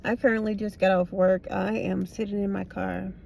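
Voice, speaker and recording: A tired middle-aged vlogger rambles bluntly and slangily to viewers from a parked car, her retainers causing a slight lisp. Her mid-range voice has little pitch movement, vocal fry, and a darkish tone at normal speed, with a little hiss or hum on the recording.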